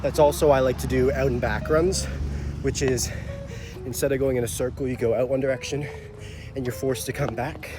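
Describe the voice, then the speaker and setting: A man's voice: medium pitch, steady tone, a little fast. A young man talking casually to the camera in a vlog, upbeat and rambling, with a slight cold. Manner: upbeat, chatty, loose and rambling. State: out of breath after a run. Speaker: vlogger. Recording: faint music behind.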